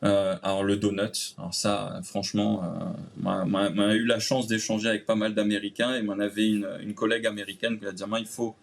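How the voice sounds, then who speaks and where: A man from Réunion with a Réunionese French accent, a guest chatting casually and enthusiastically about food in a relaxed, rambling way. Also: on the low side, brisk, creaky, hardly any pauses. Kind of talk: casual interview chat.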